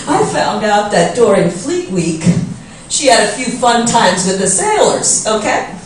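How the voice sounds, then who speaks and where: A woman's voice: medium pitch, big pitch swings, a little slow, slight background noise. A middle-aged woman doing stand-up comedy, telling brash gossipy stories and acting out the voices of the people in them. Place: comedy club stage. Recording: echoey club sound from far off.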